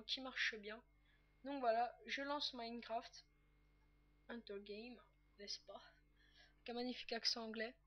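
A young woman with a fairly bright, high-ish voice narrates a casual screen-recorded game tutorial. She's a chatty, loose tutorial maker, full of "donc, euh" fillers and repeating "tout simplement."

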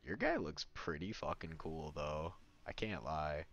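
A young man chatting excitedly with a friend while gaming, swearing often and laughing. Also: rumbling low, unhurried. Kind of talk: casual gaming chat. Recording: muffled lo-fi voice chat with faint music.

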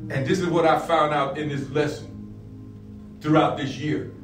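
Middle-aged male pastor, high voice, preaching with repetition, distant and roomy over faint music. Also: fairly even intonation, moderate pace. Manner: repeats phrases, builds to emphatic peaks. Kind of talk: sermon-style Bible lesson.

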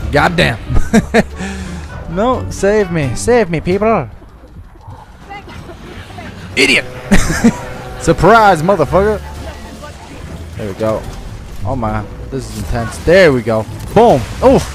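A man streaming a shooter game, talking over his headset microphone with quick excited exclamations and swearing. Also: on the high side, faint music behind. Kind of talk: live gameplay commentary.

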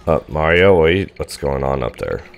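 A man giving casual reaction commentary, laid-back with quick exclamations, with faint music behind. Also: rumbling low, sing-song, vocal fry, smooth, narrow, tinny audio. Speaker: video reactor.

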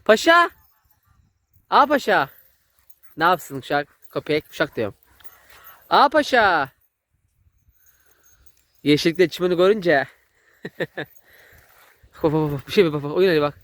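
A man, vlogging outdoors in a village and excitedly calling to a dog. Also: on the high side, unhurried, long pauses. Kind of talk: casual vlog commentary.

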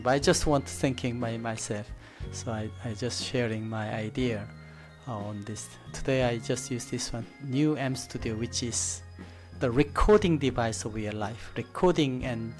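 A middle-aged man with a Korean accent, a native Korean speaker giving an informal, reflective presentation in halting English at a desk microphone. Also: medium pitch. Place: studio desk with a virtual set. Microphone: desk gooseneck microphone.

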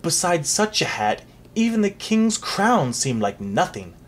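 A reader narrating a storybook aloud for a child in an expressive, animated way. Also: medium pitch, unhurried.

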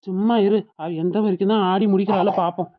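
A woman's voice: mid-range voice, steady tone, fast talker, voice pushed down, close to an everyday voice. A woman voicing a curt, stern grown son with a Tirunelveli Tamil accent. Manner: curt, dismissive. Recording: tinny phone-like sound.

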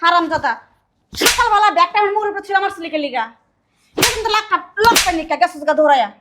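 Woman acting as a shrill scolding mom, fast and sharp, family drama. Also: expressive, noisy background. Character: scolding mother of the household, sharp-tongued.

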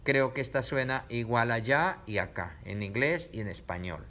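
A man teaches children to read, sounding out each word slowly one syllable at a time and saying it again, while a camera in front of him records. His voice sits mid-range and has a sharp tone.

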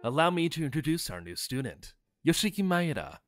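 A man's voice: a little high, big pitch swings, fairly quick, a bit bright, faint music behind. A man voicing a suave, teasing homeroom teacher in an overacted anime fan dub.

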